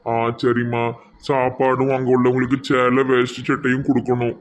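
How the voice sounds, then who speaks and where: A man's voice: mid-range voice, monotone, normal speed, a little hiss or hum, natural voice. A man playing a grieving, stern middle-aged widowed father with a Tirunelveli Tamil accent, speaking earnestly. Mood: sad.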